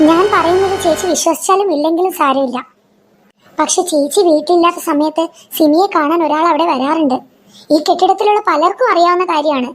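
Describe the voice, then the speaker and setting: A woman voicing a scheming, gossiping neighbor woman who talks in a hushed, confiding way. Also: extremely high pitch, brisk, soft background music.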